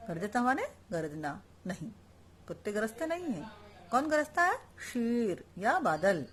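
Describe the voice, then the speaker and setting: A woman's voice: fairly high pitch, big pitch swings, measured pace, fairly bright tone. A woman teaching a Sanskrit lesson online, explaining each word and then repeating it, asking the class questions and answering them herself.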